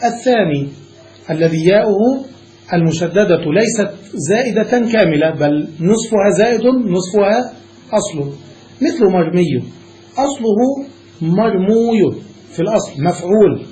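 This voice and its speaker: A man with a high, mellow voice teaches a grammar lesson, explaining patiently and pausing often to ask whether his students have understood. The sound is roomy, with a faint hiss of background noise behind him. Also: lively intonation. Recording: echoey room with faint noise.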